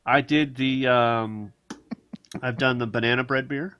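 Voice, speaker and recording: A man's voice: mid-range voice, fairly even intonation, clean tone, dull audio. A man co-hosting a casual podcast who chimes in with jokes and laughs often. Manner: joking, chiming in, quick to laugh. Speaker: podcast co-host. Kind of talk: casual chat.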